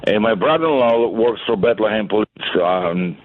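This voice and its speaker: A man's voice: lowish voice, expressive, normal speed, dry recording. A middle-aged man from Poland with a Polish accent, calling in to a radio show over a landline phone, blunt and indignant with salty language. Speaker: caller. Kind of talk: call-in radio chat. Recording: tinny phone line.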